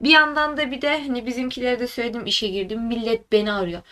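A young woman co-hosting a casual chat, telling stories in an animated, exasperated way and swearing often. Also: fairly high pitch, quick pace. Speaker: podcast co-host.

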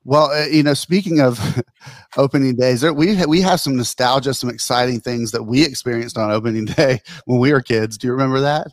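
A man's voice: mid-range voice, a little fast, dry recording, studio quality. A middle-aged man co-hosting a podcast in casual chat, rambling and laughing through his stories. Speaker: podcast co-host.

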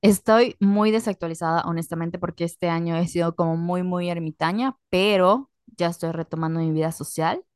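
A woman with a Yucatecan Spanish accent, sick with a cold, co-hosting a podcast in a chatty, relaxed, slangy way. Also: fairly low pitch, normal speed, few pauses, clean tone, no room sound, studio quality. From Yucatán, Mexico. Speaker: podcast co-host. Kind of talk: casual chat.

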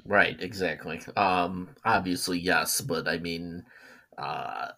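A man co-hosting a casual podcast, talking in a halting way full of fillers and restarts, with blunt opinions. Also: sits low, fairly even intonation, bright, forceful tone. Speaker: podcast co-host.

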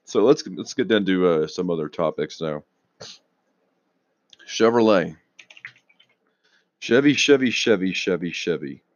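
A young man casually rambling on his own show, restarting sentences, swearing now and then and clearing his throat a lot, sounding tired. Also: deep voice, a little mellow, dry recording, highs cut off. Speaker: auto news vlogger.

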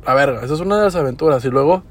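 A man's voice: medium pitch, lively intonation, racing. A young man with a Mexican Spanish accent telling work stories on his podcast, casual and crude. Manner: slangy, crude, laid-back. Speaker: podcast host. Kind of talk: casual storytelling.

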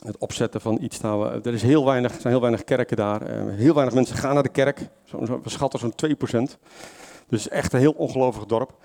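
A man's voice: medium pitch, fairly even intonation, a little fast, creaky, warm tone. Man preaching an informal sermon. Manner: conversational, many fillers and self-corrections, asks the congregation questions. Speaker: lay preacher.

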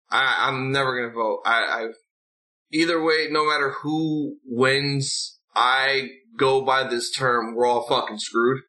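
Bright, forceful man ranting casually. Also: medium pitch, rough recording. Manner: blunt, profane. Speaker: host of a wrestling recap show. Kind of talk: casual opinionated rant.

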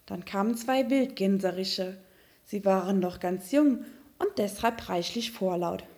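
Eine Frau, die ein Märchen ausdrucksvoll und sanft vorliest. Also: female voice, medium pitch, a little slow, dark tone. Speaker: storyteller. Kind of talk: fairy tale reading.

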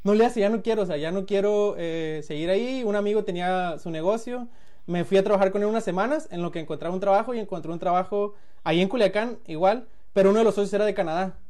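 This Sinaloa man in his late twenties, with a Mexican accent, has a high, fast, darkish voice. As a guest in a casual storytelling chat, he laughs his way loosely through his story, acting out quotes and restarting phrases.

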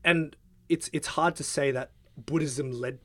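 Young aussie guy, soft and hesitant, lots of likes and ums, dry close mic. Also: fairly high pitch, fairly even intonation, measured pace, dry recording. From Australia. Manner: hesitant, filler-heavy, soft-spoken. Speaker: guest. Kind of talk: casual interview chat.

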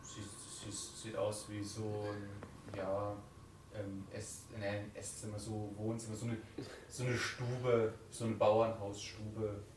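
A male game master improvises descriptions for a tabletop game, pausing to find the right words. He is recorded at a distance in an echoey room with clear noise. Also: fairly low pitch, little pitch movement, darkish tone.

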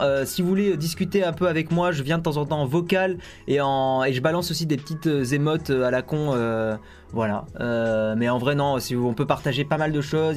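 A streamer chatting loosely on a tech live stream, his voice sitting a little high. He jokes with the chat, stumbles over fillers, and faint music plays behind him. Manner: chatty, many fillers, jokey asides.

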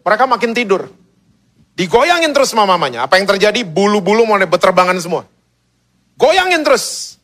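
High-voiced joking male pastor. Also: expressive, quick pace, a bit bright. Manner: humorous storytelling with casual slang. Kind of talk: sermon.

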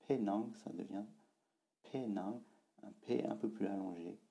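Guy teaching a language lesson, dark low voice, repeats words over n over for the tones. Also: steady tone, fairly quick, gravelly.

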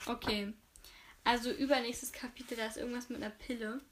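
A woman's voice: a little high, level tone, brisk. A woman reading a novel aloud for her viewers and making chatty, frank asides about the story.

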